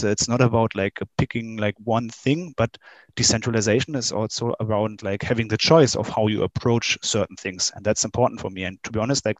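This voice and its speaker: Man, interview guest, hesitant, many fillers, mid pitch, dry sound. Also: dry recording. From Germany. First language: German. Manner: halting, many fillers and restarts. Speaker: interview guest, game company staff. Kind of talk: casual interview answers.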